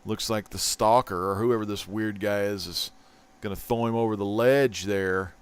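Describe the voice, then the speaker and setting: A man hosting a casual comic book haul vlog, chatty and excitable, swinging from loud bursts to mumbled asides. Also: on the low side, moderate pace, clean tone. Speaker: host.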